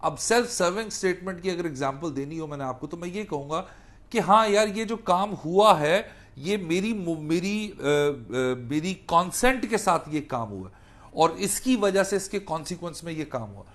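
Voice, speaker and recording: With lively intonation and a fairly bright, somewhat high voice, a man with a Pakistani accent delivers an explanatory law lecture at moderate speed. He is a lecturer and defence attorney whose teaching style restates ideas and borrows English legal vocabulary.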